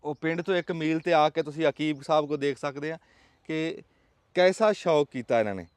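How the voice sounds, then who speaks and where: A man's voice: fairly high pitch, fairly quick, clean tone, dry recording. A man with a Pakistani Punjabi accent hosting a casual vlog in an emphatic, rhetorical, folksy storytelling way. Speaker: vlog host. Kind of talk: casual outdoor vlog talk.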